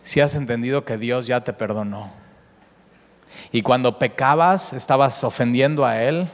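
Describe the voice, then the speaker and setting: A man's voice: medium pitch, normal speed. A man preaching a sermon as pastor, earnest, often rephrasing himself and circling back to a point. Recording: long reverb of a large hall.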